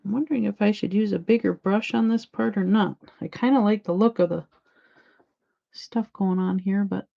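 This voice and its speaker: Woman, casual painting chat, rambling, at home, mid-pitched voice, muffled lo-fi recording. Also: steady tone, moderate pace, gravelly. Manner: chatty, rambling, talks to viewers and husband. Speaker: saw painter streaming her work. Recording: dull lo-fi sound.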